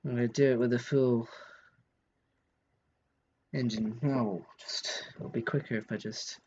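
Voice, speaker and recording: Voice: mid-range voice, steady tone, a little slow, darkish tone, muffled recording. A live streamer giving casual commentary while playing a game, thinking aloud and answering chat.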